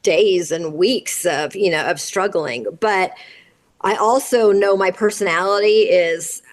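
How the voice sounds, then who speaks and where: A woman's voice: mid-range voice, measured pace. Earnest woman telling her family story. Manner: earnest, candid, recounting at length. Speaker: interview guest, parent. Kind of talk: conversational interview storytelling.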